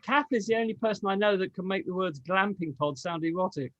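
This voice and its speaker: A man's voice: sits high, brisk, lo-fi sound, background noise. A man co-hosting a radio chat, explaining science and joking easily. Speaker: radio show co-host. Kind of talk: casual group chat. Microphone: video call.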